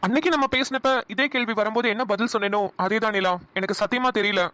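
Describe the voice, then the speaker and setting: A man voicing a reflective, affectionate young husband in a cartoon who explains himself calmly. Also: high-pitched, fast, dry recording, rough recording. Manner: calm, explaining at length. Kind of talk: Tamil cartoon voice acting.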